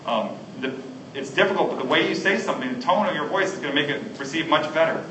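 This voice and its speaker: A man's voice: a little high, quick pace, noisy background. A middle-aged man preaching a sermon as a pastor, earnest and conversational, with frequent ums. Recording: echoey room, mic at a distance.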